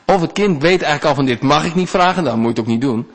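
A male pastor giving a sermon in a conversational, animated way, with big swings in pitch. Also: quick pace.

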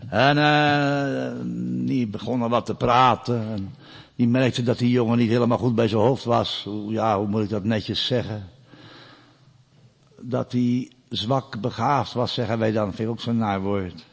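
A man preaching a sermon, growing loud and emphatic when he recites scripture and dropping to quiet storytelling asides. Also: medium pitch, steady tone, a little slow, gravelly, long reverb tail.

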